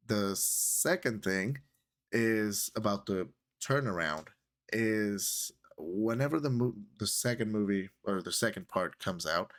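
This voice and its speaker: Talking about a movie he really enjoyed, this man, a native Spanish speaker, addresses the camera in a fairly low, fairly bright voice. It's casual vlog talk, peppered with fillers and moments where he corrects himself.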